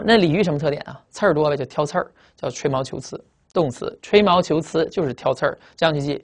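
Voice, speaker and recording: A teacher giving a classroom vocabulary lecture at a board, emphatic, asking rhetorical questions and spelling words out letter by letter. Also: mid-range voice. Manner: spells out letters and drags out target words slowly.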